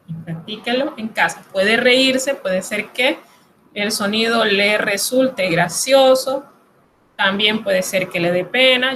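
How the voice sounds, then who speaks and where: Woman, French teacher, slow deliberate pace, patient and reassuring, faint background noise. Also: mid-range voice, fairly bright tone, low-quality recording. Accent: Latin American Spanish. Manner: patient, reassuring, explains step by step. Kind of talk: recorded lesson explaining pronunciation.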